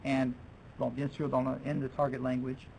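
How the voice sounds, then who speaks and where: Gravelly man giving a teacher workshop. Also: medium pitch, flat delivery, fairly quick, a little mellow, slight background noise, rough recording. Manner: chatty, restarts often, drops in French phrases. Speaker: French teacher presenting a workshop. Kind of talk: workshop talk to fellow teachers.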